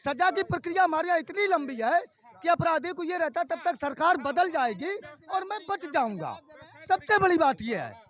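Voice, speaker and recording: Emphatic high-voiced man. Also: very animated, normal speed, fairly bright tone. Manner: emphatic, argumentative. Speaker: interviewee. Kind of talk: street interview debate.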